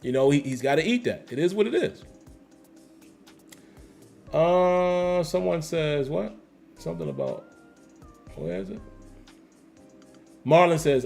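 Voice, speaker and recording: A man's voice: mid-range voice, a little mellow. A man hosting a casual livestream, reading chat comments aloud and answering them emphatically with slangy repetition. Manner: emphatic, repeats phrases, slangy. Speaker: host reading live chat.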